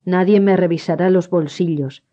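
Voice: medium pitch, steady tone, normal speed, dark tone, lightly acted. A reader putting on a jittery, guilty young man. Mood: nervous, defensive. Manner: stammering, defensive, insulting. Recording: dull lo-fi recording.

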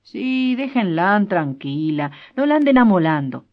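A woman voicing a gruff, bossy older rural patron who gives orders in a hoarse, slow voice. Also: medium pitch, sing-song, pitched above the performer's own voice. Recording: dull lo-fi recording.

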